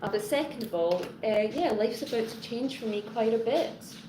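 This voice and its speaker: An animated woman with a higher-pitched voice talks at normal speed while hosting a laid-back live stream from her Hong Kong home. A teacher by profession, she greets commenters by name as she rambles and restarts her sentences. The phone front-camera audio is echoey with background noise.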